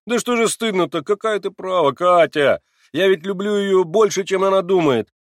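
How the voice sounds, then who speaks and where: A man reading a novel aloud and voicing an excitable young man who pleads and defends himself in a raised, plaintive voice. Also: sits high, normal speed, no room sound, clean studio sound, voice pushed up, close to an everyday voice. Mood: pleading, agitated. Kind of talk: audiobook character reading.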